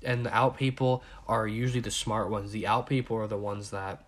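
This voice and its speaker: A man's voice: fairly low pitch, level tone, brisk. A man in his twenties talks alone into his podcast mic in a loose rant. He repeats himself and swears freely. He is sick with covid and a little short of breath. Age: 20s. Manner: rambling, profane, repeats himself. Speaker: podcast host.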